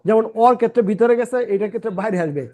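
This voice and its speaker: A man's voice: high-pitched, racing, darkish tone. A man leads a pronunciation class. He repeats each sound again and again. He often stops to check with "right?" before moving on. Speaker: English teacher and channel founder. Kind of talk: pronunciation lesson.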